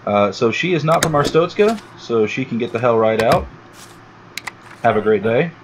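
A man casually commenting as he plays a game for the first time, chatty and sarcastic, reading on-screen text aloud on a low-quality home mic. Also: lively intonation, normal speed, noisy background. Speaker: gaming YouTuber. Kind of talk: casual let's-play commentary. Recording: loud game music behind.

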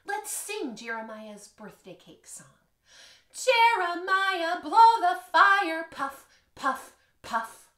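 A woman's voice: very high-pitched, sing-song, slow, sharp tone. A woman in her thirties, a music teacher leading a children's lesson from home with a playful, sing-song manner. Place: living room at home. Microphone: camera across the room. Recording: echoey living room.

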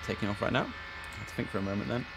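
A man streams himself running an airport tower, mixing chatty slang with controller calls. His voice sits low and gravelly, croaky from the early hour, with a clear hiss of noise around him. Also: expressive, rapid-fire. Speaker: streamer playing an air traffic control game. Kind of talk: casual live-stream commentary with radio calls.

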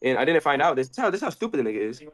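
A man's voice: on the high side, big pitch swings. A man being interviewed, telling a rambling story with lots of cursing and restarts. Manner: rapid, cursing, restarts often. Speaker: interview guest.

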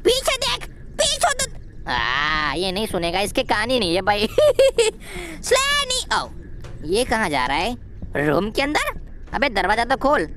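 A woman's voice: fairly high pitch, huge pitch swings, slow pace, background noise, exaggerated voice. Woman voicing giggly cartoon boy Kanzo. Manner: giggles often, teasing, yelps and wails in mock fright. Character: cheeky giggly young boy playing horror games. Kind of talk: comic gameplay commentary in a cartoon voice.

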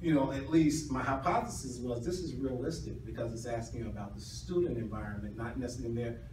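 A middle-aged man giving a hedging, halting academic explanation with restarts, as a doctoral candidate at his defense. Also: medium pitch, darkish tone. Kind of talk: academic oral defense, answering questions. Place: small university classroom, indoors. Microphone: distant camera or phone across the room. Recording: echoey room, distant mic, noisy.

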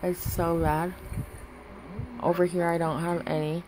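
A woman's voice: lowish voice, little pitch movement, unhurried, crowd noise, low-quality recording. A woman in her thirties, talking casually in a personal vlog with a finger in her mouth, hesitant and repeating words. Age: 30s. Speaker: vlogger.

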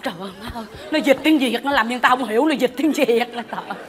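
An actress playing a dramatic, fickle wife in a stage comedy sketch, flipping between nagging and sweet-talk. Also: female voice, on the high side, quick pace, lightly acted. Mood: scolding, mocking.

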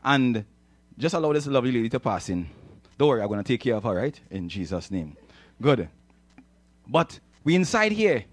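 A mid-range, sing-song voice belongs to a man from Trinidad and Tobago preaching emphatically at a moderate pace, pausing often. He stands on a church hall stage with a handheld mic, repeating phrases and inviting his audience to answer back. No echo is present.

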